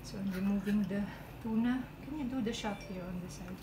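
A middle-aged woman talks through a home cooking demonstration step by step, in a chatty, easygoing way. She sounds like she is in a small kitchen with a lot of echo, filmed on a phone. Clear background noise comes through behind her voice. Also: mid-range voice, a little fast. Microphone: handheld phone camera filming her.

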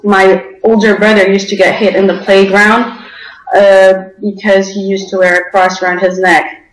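A woman's voice: medium pitch, flat delivery, moderate pace, roomy sound, rough recording. A young woman from Denmark answering interview questions over a video call, hesitant with many fillers.

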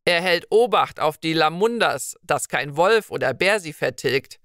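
A woman's voice: low-pitched, lively intonation, a little slow, a bit bright, no room sound, studio quality. A woman voicing a friendly, courteous young male knight in a storybook reading, speaking in old-fashioned phrases. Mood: reassuring.

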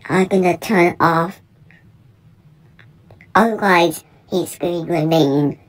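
A woman narrating a skit and reacting plainly to what happens. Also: fairly low pitch.

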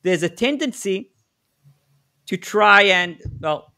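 A man with a high, light voice talks through a live webinar over a video call. He coaches in a direct way, stopping often to restart a sentence or fill a gap. He sounds like an expert walking a team through practical advice. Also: expressive, slow, pushed and bright. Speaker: negotiation expert presenting a webinar.

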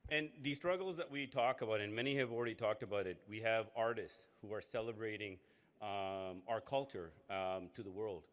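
A man, a politician giving a halting speech from a podium in a hall. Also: on the low side. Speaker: politician co-hosting an event. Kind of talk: public speech. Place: indoor hall, on stage at a podium. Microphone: podium microphone.

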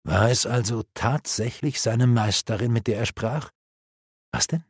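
A man narrating a fantasy audiobook in a measured, dramatic way. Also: medium pitch, fairly even intonation, husky, dry recording, clean studio sound.

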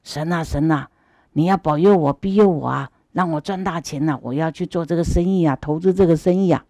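A woman voicing an eager male merchant who begs a god for profit in a low, repetitive prayer. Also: brisk, dark tone, dry recording, studio quality. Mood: pleading.

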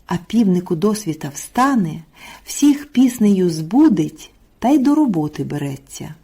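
Slow, mellow woman reading a children's tale. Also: fairly low pitch, sing-song, slightly rough. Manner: slow, gentle, storybook delivery. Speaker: storyteller. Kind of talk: scripted narration of a children's folk tale.

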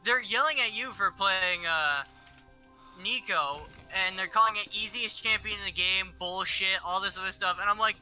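A man's voice: high-pitched, normal speed, sharp tone, soft background music. Sarcastic young man on a game call. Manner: complaining, aggravated, sarcastic. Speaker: teammate on a voice call. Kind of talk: casual gaming chat.

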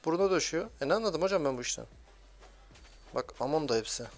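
A young man giving excitable, grumbling commentary while playing a mobile game, swearing at teammates. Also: on the high side, quick pace. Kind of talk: live gameplay commentary.

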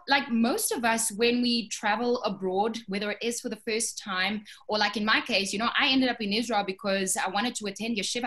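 A woman radio and TV presenter hosting an online interview, chatty and enthusiastic, speeding up when excited. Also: fairly high pitch.

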